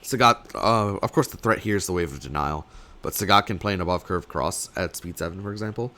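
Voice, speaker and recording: A young man, a bit sick and losing his voice, casts a card game tournament solo. His low, brisk play-by-play rambles and is full of fillers, broken by sudden bursts of excitement.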